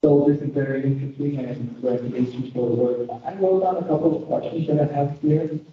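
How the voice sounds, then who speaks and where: A man's voice: fairly high pitch, steady tone, a little fast. A man from Ecuador, asking a question in a webinar hesitantly, with frequent restarts. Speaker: audience member asking a question. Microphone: video call. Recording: echoey room, tinny phone-like line from far off.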